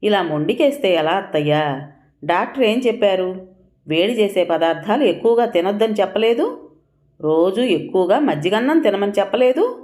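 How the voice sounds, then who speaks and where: A woman voicing a worried, gentle young wife and mother who speaks softly and pleadingly. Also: sits low, lively intonation, normal speed. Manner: soft, pleading.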